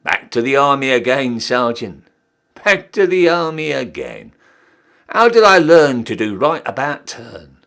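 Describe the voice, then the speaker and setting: A young adult man recites dramatic poetry as a cheeky, down-at-heel Victorian British army ranker re-enlisting, wildly animated with a mid-range voice at a measured pace. His delivery is theatrical, emphatic and swooping, the mood rueful and defiant.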